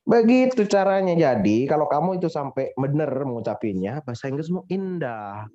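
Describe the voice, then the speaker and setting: A man's voice: a little high, sing-song, moderate pace, warm tone, muffled recording. Playful Indonesian man teaching English. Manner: playful, teasing, jokey mock-English examples. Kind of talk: classroom teaching.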